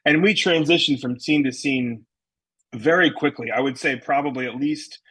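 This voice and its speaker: A man's voice: medium pitch, normal speed, bright, forceful tone, slightly rough, dry recording, rough recording. A man with a New England accent, a stage actor chatting as an interview guest, explaining with lots of fillers and restarts. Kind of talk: casual interview answers.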